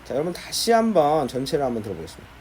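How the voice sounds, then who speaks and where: Talking very fast in a somewhat high voice, with faint hiss or hum, a man gives a lively middle school English lesson on textbook listening. He explains in Korean and keeps starting sentences with "자".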